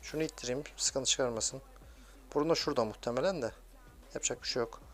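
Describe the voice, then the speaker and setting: A young man giving excitable, grumbling commentary while playing a mobile game, swearing at teammates. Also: mid-range voice, a little fast. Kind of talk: live gameplay commentary.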